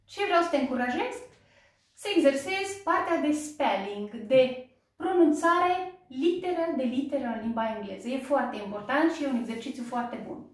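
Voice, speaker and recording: A patient woman with a Romanian accent leads a slow repetition drill and praises each answer warmly. Her voice is a little high, and it comes from some way off the mic in a very echoey room. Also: lively intonation, recorded from a distance. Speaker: English teacher.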